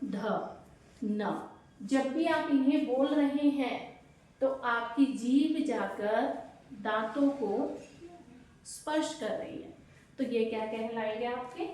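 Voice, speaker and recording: A woman teaching an exam-prep grammar lesson, explaining slowly and asking and answering her own questions. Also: high voice, darkish tone, slight background noise. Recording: very echoey room, distant mic.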